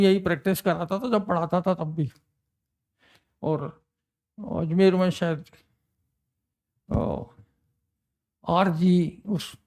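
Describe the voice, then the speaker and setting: An older man with a high-pitched, slightly mellow voice teaches a chemistry class in a chatty way. Between quizzing his students, he drifts into reminiscing.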